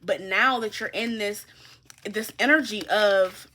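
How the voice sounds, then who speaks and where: A woman's voice: mid-range voice, a little slow, pushed and bright. A woman giving a casual spiritual card reading, talking straight to the listener, emphatic and swearing freely. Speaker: spiritual tarot reader.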